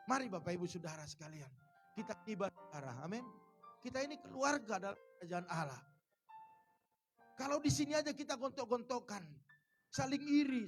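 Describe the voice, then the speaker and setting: A man with a high voice preaches a church sermon, playful and animated, slipping into little acted-out scenes to make his point. Faint music sits behind him. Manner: lively, joking, acts out little scenes. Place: church service.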